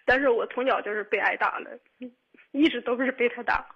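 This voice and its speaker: A woman of twenty-two calling a radio show, upset and tearful, speaking in halting, repetitive bursts. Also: a little high, vocal fry, slightly rough, muffled recording. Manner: halting, repetitive, restarts often. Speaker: caller. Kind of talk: radio call-in.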